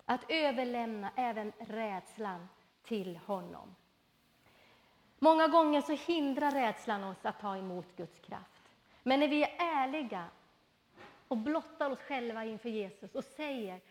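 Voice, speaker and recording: A middle-aged woman preaching a sermon, telling personal stories in a lively way and acting out the voices she quotes. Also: fairly high pitch. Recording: reverberant hall.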